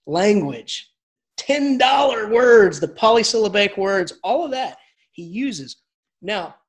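Lecturing as an English professor, a high-pitched man keeps things informal and animated. He often restarts his sentences and chuckles through the asides.

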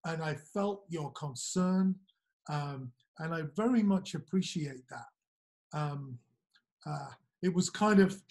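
A man hosting an interview over a video call, speaking in a hesitant, halting way with many fillers. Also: on the high side, darkish tone. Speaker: interviewer, host. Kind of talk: conversational interview. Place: small indoor room, video call. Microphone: webcam on a video call.

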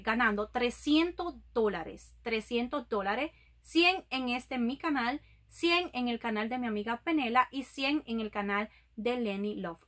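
A young woman with a high, bright-pitched voice talks straight to camera in a casual vlog. She speaks affectionately and chattily to her viewers, calling them her loves. The sound is close and clean. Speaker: YouTube vlogger. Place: indoors in front of a green sequin backdrop.

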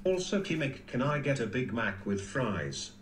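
A man's voice: medium pitch, very animated, moderate pace. A synthetic male text-to-speech voice reading out stream donation messages. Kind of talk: flat read-out of stream messages. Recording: echoey speaker playback with faint noise.

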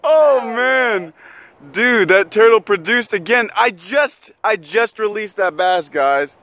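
Excitable young man fishing outdoors. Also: high-pitched, slow pace. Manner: laughs often, shouts when fish bite. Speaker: fishing channel host. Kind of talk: excited outdoor vlog chat. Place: outdoors by a pond.

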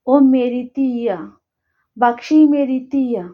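Grieving father, pleading, tearful, read by a woman, high pitch, dull recording. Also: slow. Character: Janta, pleading Sikh man, grieving father.

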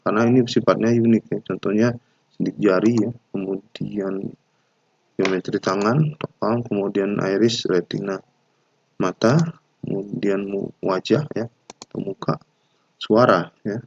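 A man's voice: fairly low pitch, fairly even intonation, creaky, darkish tone, highs cut off, a little hiss or hum. A man lecturing to a class, explaining step by step and often adding a questioning tag. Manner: unhurried explaining with frequent "ya" tags and hesitations. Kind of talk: recorded university lecture.

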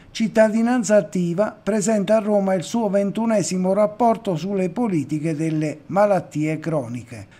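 A man reading a regional television news report in a measured, formal way. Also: high voice, warm tone.

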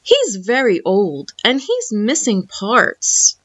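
A proud, fussy shopkeeper in a storybook, showing off his wares with grand announcements, as voiced by a woman reading aloud. The voice swings widely in pitch and is carried by a dull, muffled recording. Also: huge pitch swings, slow pace, dry recording, heavily acted. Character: proud male toy-store shopkeeper, fussy and showy. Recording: muffled lo-fi audio.

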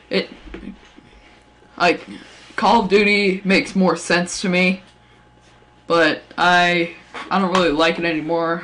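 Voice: mid-range voice, a bit bright. A speaker ranting casually over game footage, rambling with lots of fillers and restarts and throwing in playful mock insults. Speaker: gaming channel host. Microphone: gaming headset mic or webcam mic.

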